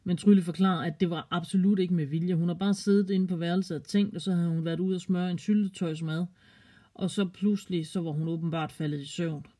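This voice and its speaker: A storyteller narrating a children's story in a calm, gently expressive way. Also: mid-range voice.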